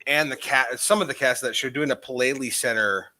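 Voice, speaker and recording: A drunk podcast co-host rambles casually and swears a lot, sounding enthusiastic and meandering. His medium-pitched voice is brisk with a sharp edge.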